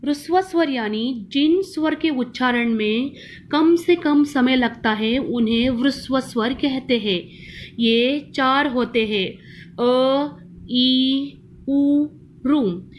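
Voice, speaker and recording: A woman teacher giving a recorded lesson to young children, reciting letters in a slow, drawn-out way. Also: sits high, a little hiss or hum. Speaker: school teacher.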